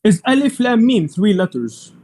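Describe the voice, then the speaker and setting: Talking at normal speed in a high, sing-song, slightly mellow voice, a young native Arabic speaker argues insistently in an online debate. He repeats his demand over and over and cuts across others.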